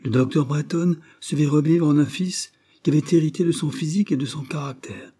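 A man narrating a classic novel in a measured, expressive way. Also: on the high side, slightly rough. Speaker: audiobook narrator. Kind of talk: scripted narration.

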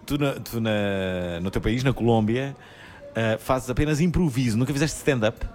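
A man's voice: mid-range voice, moderate pace, darkish tone, soft background music. A man hosting a podcast, talking in a rambling way with hesitant restarts. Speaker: podcast host. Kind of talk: casual chat.

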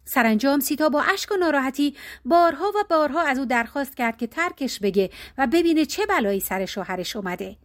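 Higher-pitched woman reading a folk tale. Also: expressive. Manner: measured, colloquial. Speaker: audiobook narrator. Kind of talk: storybook narration.

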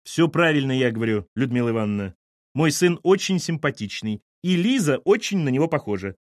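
A man's voice: medium pitch, sing-song, brisk, no room sound, studio quality, lightly acted. A man voicing a proud, defensive mother-in-law who insists indignantly in an audiobook. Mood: insistent.

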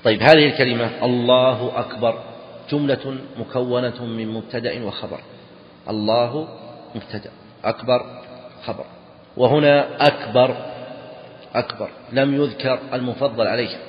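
A man's voice: mid-range voice, steady tone. Man teaching in an echoey hall. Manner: deliberate, repeats key phrases, asks students "clear?". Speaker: Islamic law teacher. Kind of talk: explaining a read text in a lesson. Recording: dull echoey hall recording.

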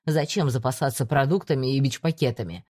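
A woman voicing a calm male police investigator who talks low, steady and coaxing in an audiobook. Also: fairly quick. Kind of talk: audiobook reading.

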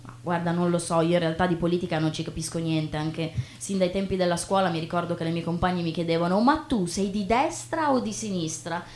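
A stage actress plays a chatty, inquisitive young woman who is breezily naive and self-deprecating, delivering theatrical monologue and dialogue in an expressive, colloquial, self-mocking way. Her voice is on the low side and fairly quick, with hardly any pauses and only light acting. Noticeable background noise and hum run through the recording.

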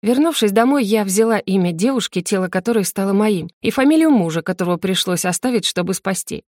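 Female audiobook narrator, mid-pitched, lively first-person reading, dry close sound. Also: brisk, no echo.

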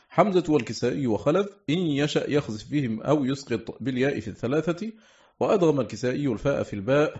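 A man reading a scholarly text aloud in a steady, measured, formal recitation. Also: medium pitch, dull audio. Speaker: audiobook reader.

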